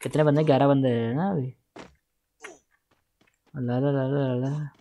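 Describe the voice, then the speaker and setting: A man doing excited live commentary over a shooter game, firing off repeated words in rapid bursts. Between the action he hums la-la to himself and keeps asking his viewers to follow and share. His voice sits at an ordinary pitch for a man. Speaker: gaming livestreamer.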